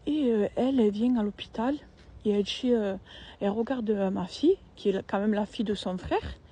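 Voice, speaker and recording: A woman's voice: medium pitch, a little fast, warm tone, slightly rough. A young woman, telling a personal story in a casual, slangy, emphatic and repetitive way.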